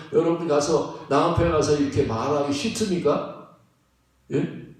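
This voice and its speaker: A male pastor delivers a sermon in a high voice, talking to his congregation in an emphatic, conversational way and asking them questions again and again. His voice rings through a very echoey church sanctuary, picked up from a distance. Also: a little slow. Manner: emphatic, conversational preaching with frequent rhetorical questions and laughs.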